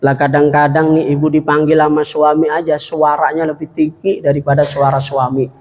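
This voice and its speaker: A man's voice: a little high, flat delivery, a little fast, darkish tone. A man preaching a humorous sermon in a mosque hall, joking and acting out little exchanges, and drawing out Arabic verses in a chant. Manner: jokey, acts out little dialogues. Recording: echoey hall.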